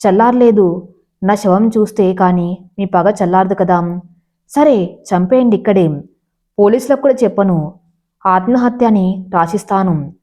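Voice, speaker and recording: A woman's voice: medium pitch, a little slow, pauses often, dark tone, lightly acted. A woman narrator voicing a desperate young female employee who speaks in bitter, accusing tones. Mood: bitter accusation. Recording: slightly dull lo-fi sound.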